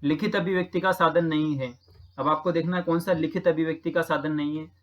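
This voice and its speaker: This man from Rajasthan, India, teaches by patiently walking through practice exam questions, repeating answers and checking in frequently. He speaks fairly quickly at a fairly high pitch with fairly even intonation.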